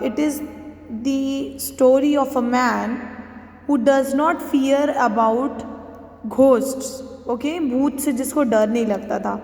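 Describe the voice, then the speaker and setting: A woman teacher with an Indian English accent who reads a story line by line, explains it while switching between English and Hindi, and keeps asking "okay?". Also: sits high. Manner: checks understanding with frequent "okay?". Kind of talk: classroom lesson reading and explaining a story. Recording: echoey room with long reverb.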